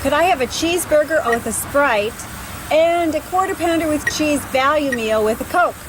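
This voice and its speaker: A woman's voice: sits high, normal speed, lightly acted. A woman playing a polite customer ordering at a drive-thru. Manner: polite, easygoing, casual. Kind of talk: scripted training video roleplay. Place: outdoors at a drive-thru, in a car. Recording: outdoor drive-thru with traffic noise.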